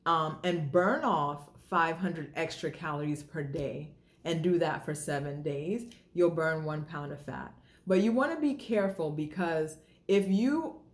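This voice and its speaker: Woman host with a low voice, relaxed teaching style, recorded in an echoey room. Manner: conversational, repeats key figures, restarts phrases. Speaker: host and health educator. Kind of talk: casual explanatory health talk. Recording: roomy echoey sound.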